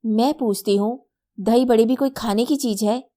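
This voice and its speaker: A woman voicing a strict, sharp-tongued elder sister and mother who scolds and mocks. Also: fairly high pitch, normal speed, lightly acted. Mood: scolding. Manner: scolding, sarcastic.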